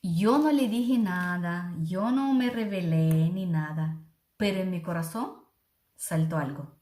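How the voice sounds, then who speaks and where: A middle-aged woman, a missionary preacher, shares an earnest, heartfelt personal testimony with her congregation, calling them brothers and sisters. Her voice is lowish and dark in tone, and she speaks slowly in an echoey room.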